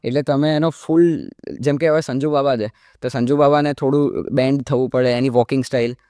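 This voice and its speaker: Relaxed and fairly quick, a young man in his early twenties explains things during a casual podcast interview, often inserting English fillers like "like." He's a mimicry artist from India with a smooth, medium-pitched voice, captured in clean studio sound with no echo.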